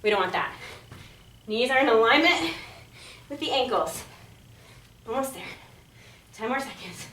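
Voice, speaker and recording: A woman coaches a workout with a high, very lively voice that swings up and down. She is peppy and encouraging, tossing out casual cues and counts as she exercises. The sound is echoey, picked up from across an indoor room. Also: measured pace, long pauses, a little hiss or hum. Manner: exerting herself while talking. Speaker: fitness instructor. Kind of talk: workout instruction, coaching along while exercising. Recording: echoey room, distant microphone.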